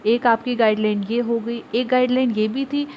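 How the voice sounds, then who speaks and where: A young woman teaches a law class to her online viewers, explaining each point step by step and often switching into English legal terms. Her voice sits slightly high. The recording is a little dull, with a faint hiss underneath. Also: steady tone, normal speed. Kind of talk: online lecture. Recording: slightly dull audio with faint background noise.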